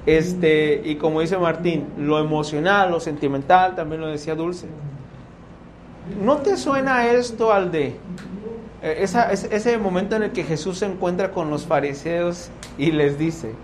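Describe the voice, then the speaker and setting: Animated Mexican man teaching a Bible class. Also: fairly high pitch, unhurried, a little hiss or hum. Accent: Mexican Spanish. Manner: animated, keeps asking "¿sí?" to check his listeners. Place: room with a live class.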